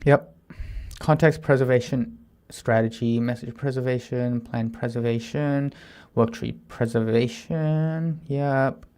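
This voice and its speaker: Steady and clean in tone, this mid-pitched voice belongs to a Thai software developer in his 30s streaming his coding. He thinks aloud and reads plan text haltingly, tripping over words and restarting when nervous, with quiet murmured asides and mumbling half to himself.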